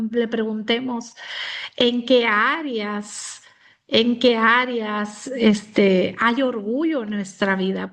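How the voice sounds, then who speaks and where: A woman raised in the United States, giving a reflective Bible teaching talk with many pauses and fillers. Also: on the high side. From United States, of Mexican descent. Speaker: women's ministry speaker.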